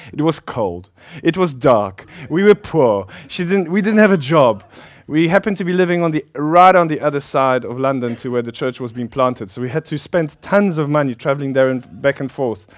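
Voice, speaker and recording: A man's voice: a little high, expressive, normal speed, no echo. A middle-aged man from South Africa with a South African accent, Polish by birth, preaching informally with a chatty, self-deprecating manner and frequent laughter. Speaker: pastor.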